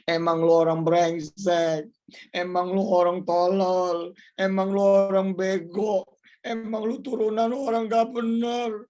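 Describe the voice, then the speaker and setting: A man voicing a scornful male critic who shouts insults, rising and harsh. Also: high-pitched, flat delivery, takes it slowly, highs cut off, voice pushed up. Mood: mocking.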